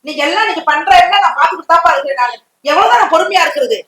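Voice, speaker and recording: A bossy scolding older housemate. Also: female voice, extremely high pitch, lively intonation, racing, a bit bright, roomy sound. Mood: weary. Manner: scolding, argumentative.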